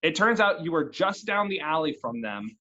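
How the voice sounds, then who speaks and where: A man's voice: a little high, very animated, normal speed, sharp tone, dull audio. A man narrating as dungeon master in a casual, rambling way, often restarting his phrases. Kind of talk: narrating a tabletop game.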